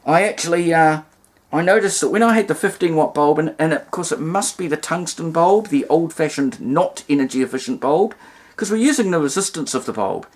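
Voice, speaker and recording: Demonstrating how to test vintage radios, this presenter talks casually and hands-on, wandering into asides and offering alternative terms. He has a fairly high, animated voice and a brisk delivery.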